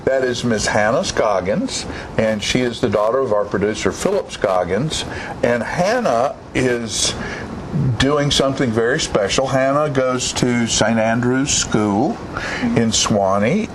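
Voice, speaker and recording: A man's voice: medium pitch, measured pace. A man speaking as a talk show host, introducing a segment. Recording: clear background noise.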